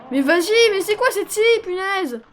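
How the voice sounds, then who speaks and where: French streamer girl ranting at her game, super high voice, light hiss in the mic. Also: lively intonation, normal speed. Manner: exasperated ranting and mock self-pity at the game. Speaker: Twitch streamer playing a video game. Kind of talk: live gaming stream commentary.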